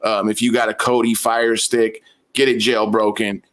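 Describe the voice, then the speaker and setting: A man's voice: on the low side, level tone, normal speed, a bit bright. A man hosting a casual podcast chat, rambling with many fillers and hyping the show. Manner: rambling, lots of fillers, hyped. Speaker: podcast host.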